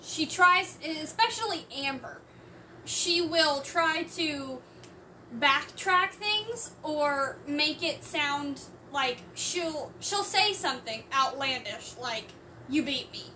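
A woman with a high, bright voice talks slowly and deliberately in a relaxed chat, explaining her views at length. She sits a little away from the mic, with a faint hiss in the background. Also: recorded from a distance. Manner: slow, measured, explains at length. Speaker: co-host discussing a court case. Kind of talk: casual chat.

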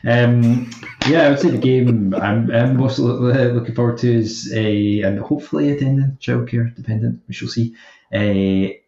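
A man chatting casually about sport as a panellist, speaking in a halting, measured way. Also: mid-range voice, dark tone. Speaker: football podcast panellist. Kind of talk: casual football chat. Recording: roomy, slightly muffled sound.

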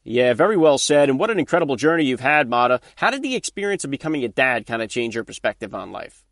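A man hosting a podcast interview, asking questions in an upbeat, brisk way. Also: medium pitch, sing-song, fairly bright tone, no echo, clean studio sound. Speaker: podcast host.

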